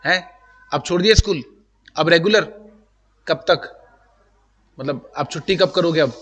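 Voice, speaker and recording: A man's voice: a little high, a little slow, fairly bright tone. A male teacher giving a live classroom lecture, talking directly and chattily to his students and mixing English terms into his speech. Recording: long room reverb.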